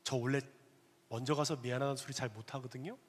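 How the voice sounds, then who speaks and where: A male pastor telling a personal story in a sermon, animated, sometimes dropping to hushed asides. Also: mid-range voice, quick pace. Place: church sanctuary. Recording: long reverb of a church hall.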